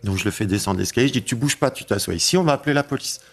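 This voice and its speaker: A man giving an emotional testimony, telling his story in a halting way, repeating himself and raising his voice when he relives the moments. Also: mid-range voice, expressive, soft background music. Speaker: interviewee recounting a break-in.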